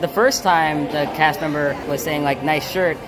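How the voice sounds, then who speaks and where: Casual male vlogger over loud music. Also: fairly high pitch, steady tone, normal speed, low-quality recording. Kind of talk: casual theme park vlog chat. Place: theme park.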